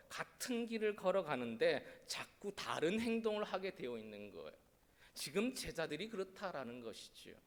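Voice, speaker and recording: Male pastor, fairly high-pitched, preaching emphatically with rhetorical questions; church sanctuary with a long echo. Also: fairly bright tone. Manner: emphatic, rhetorical questions, has congregation repeat phrases. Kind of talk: Palm Sunday sermon. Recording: long reverb of a church hall.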